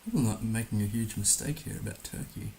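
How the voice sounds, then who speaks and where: A low, hoarse, gravelly man's voice with a dark tone thinks aloud a little fast, musing and hesitant. The livestream host, recovering from being under the weather, gives casual live commentary on a geography guessing game, with noticeable background hiss on the track.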